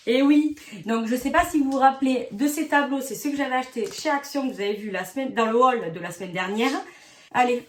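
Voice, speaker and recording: A woman's voice: high voice, roomy sound, distant mic, a little hiss or hum. A young adult woman vlogging casually at home, joking and teasing the viewers as she shows a painting craft. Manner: playful, joking, self-mocking. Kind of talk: casual chatty vlog. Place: home bathroom workspace.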